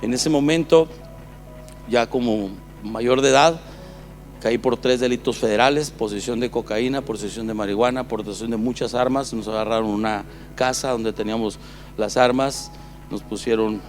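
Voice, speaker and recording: A man's voice: medium pitch, fairly even intonation, moderate pace, faint music behind. A man with a Mexican accent, a pastor telling his life story as a preached testimony, acting out the dialogue.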